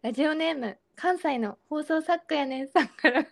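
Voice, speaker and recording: A woman's voice: high voice, moderate pace, creaky. A woman co-hosting a podcast in casual chat, laughing often and agreeing readily. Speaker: podcast co-host.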